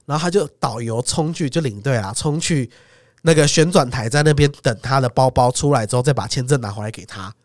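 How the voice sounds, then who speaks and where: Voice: medium pitch, brisk, a little mellow, no echo, studio quality. A podcast co-host, telling a travel story in casual chat, laughing often and swearing casually.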